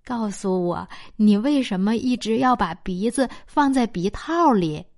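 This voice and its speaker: A woman's voice: medium pitch, lively intonation, unhurried, a little mellow. A woman voicing a nosy, curious little male piglet who asks eager questions in a storybook tale.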